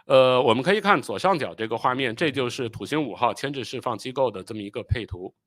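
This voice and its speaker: A man hosting a live stream, explaining rocket launches and pausing often with fillers. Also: mid-range voice, expressive, fairly bright tone, no echo, studio quality. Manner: explanatory, with frequent filler pauses; apologetic and hurried while fixing playback. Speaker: channel host.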